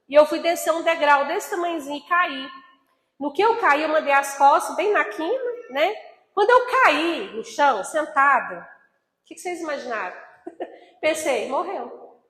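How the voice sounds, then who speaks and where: A woman's voice: high-pitched, fairly bright tone, reverberant, in a large hall. A woman in her fifties preaching a sermon, telling a personal testimony with emotion and speaking straight to the congregation. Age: 50s. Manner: emotional storytelling, addresses congregation as brothers.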